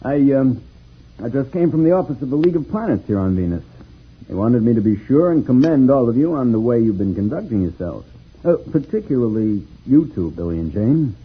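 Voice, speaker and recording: Husky, amiable space hero Dantro. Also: male voice, medium pitch, sing-song, a little fast. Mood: friendly, reassuring. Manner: easygoing, explanatory, chuckling. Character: amiable heroic space troubleshooter, fatherly to the youngsters. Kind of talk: 1950s radio serial acting. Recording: muffled, tinny old radio recording.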